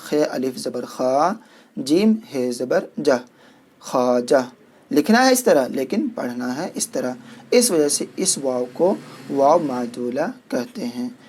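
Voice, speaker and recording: A man gives a reading lesson at a very unhurried pace. He breaks words into their letters and says each practice sentence twice, carefully and clearly, for learners to follow. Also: medium pitch, darkish tone. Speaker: Urdu reading teacher. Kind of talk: language lesson, reading aloud and explaining spelling.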